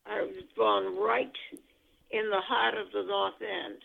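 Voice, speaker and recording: An older grandmother heard over a speakerphone line, talking slowly and haltingly as she searches for words. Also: medium pitch, steady tone, vocal fry. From United States. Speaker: grandmother being interviewed. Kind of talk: family oral history interview. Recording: tinny phone line.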